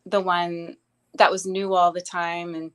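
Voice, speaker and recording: A young woman, a guest in an interview, telling her life story in a hesitant, casual way with many pauses and restarts. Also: on the low side, little pitch movement, a bit bright, clean tone. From grew up in Bangladesh, later Canada.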